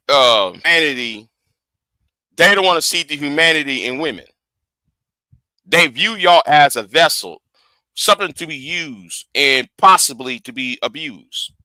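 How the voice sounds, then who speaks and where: A man in his forties runs a heated livestream, speaking in a high, piercing, bright voice. He stammers, doubles back and repeats words as he pushes his point. The sound is close and dry, with no room around it. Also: animated, takes it slowly, pauses often, dry recording. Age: 40s. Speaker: livestream host.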